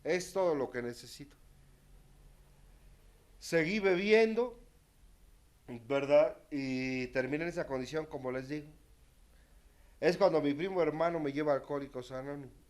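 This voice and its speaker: A man telling his recovery story to a group, candid and self-mocking, his loudness rising and falling sharply. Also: a little high, normal speed, long pauses. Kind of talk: testimonial talk to a group.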